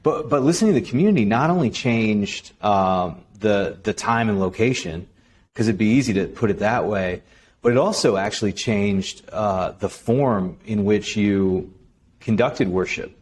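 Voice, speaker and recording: A man's voice: lowish voice, moderate pace, darkish tone, a little hiss or hum. A man hosting an interview, asking questions and affirming the guest's answers with enthusiasm.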